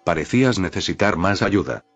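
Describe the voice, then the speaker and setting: A man reading the lines of a quiet, resolute young woman ninja in a storybook reading, in a soft, low-key way. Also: very animated, normal speed, slightly rough, highs cut off, soft background music, full character voice. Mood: quiet resolve.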